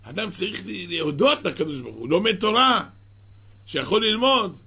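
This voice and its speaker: A man, a religious teacher, giving a Torah sermon in an animated storytelling way, often asking the listener questions. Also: high-pitched, creaky, husky.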